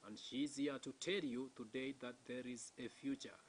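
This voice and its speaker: A male interview host with a mid-range voice leads a testimony show, and faint background noise sits under the recording. He asks questions haltingly, with lots of pauses and fillers, and speaks encouragingly to his audience. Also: mid-range voice, fairly even intonation, low-quality recording.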